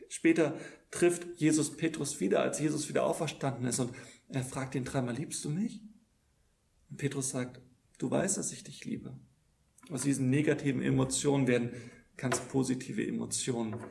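A man's voice: mid-range voice, gravelly, darkish tone. A man preaching a sermon in an earnest tone, often stumbling over repeated words as he restarts.

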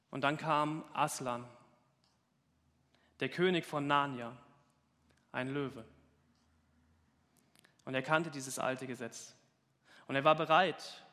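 Man, dramatic story reading, emphatic, fairly high voice, long hall reverb. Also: pushed and bright. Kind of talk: expressive story reading in a talk.

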